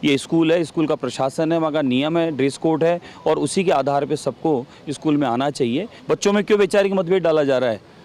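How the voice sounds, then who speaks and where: A man's voice: a little high, fairly quick, a little mellow. A man giving a heated interview as a legislator, combative, repeating rhetorical questions.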